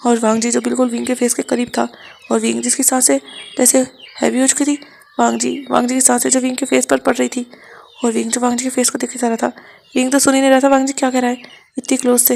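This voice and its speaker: A woman narrating a fan fiction story quickly, often restarting her sentences. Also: sits high, creaky, a little mellow, slight background noise. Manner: rapid, with frequent restarts.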